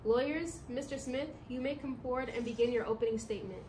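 A woman's voice: a little high, fast, mellow, a little hiss or hum, lightly acted. A woman playing a courtroom judge in a homemade drama, speaking in a formal, procedural way. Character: stern female courtroom judge.

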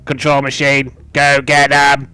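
A man voicing Colon, a boastful male game villain, in a slow mechanical robot-like voice. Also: mid-range voice, completely flat delivery, sharp tone, smooth, soft background music.

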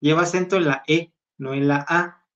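A man's voice: a little high, steady tone, moderate pace, fairly bright tone. Easygoing man, dull lo-fi sound. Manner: easygoing, agreeable, chatty. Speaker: show co-host. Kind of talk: casual gossip chat.

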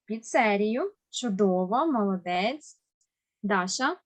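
Over a video call, a woman teaches children a language online, patiently and encouragingly. Her medium-pitched voice is animated as she stresses words slowly and carefully and praises every answer.

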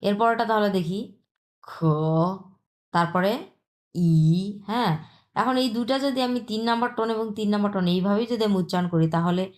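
A woman with a Bangladeshi accent teaching a language lesson, patiently repeating points and drawing out example sounds slowly. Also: mid-range voice. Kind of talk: explanatory lesson.

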